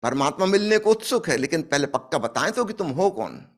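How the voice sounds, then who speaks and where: Guy giving a spiritual talk, story-style, voice swings up and down a lot, a bit high. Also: sing-song, a little fast. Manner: storytelling, acts out dialogue, emphatic rises. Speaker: spiritual speaker. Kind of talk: spiritual discourse with a parable.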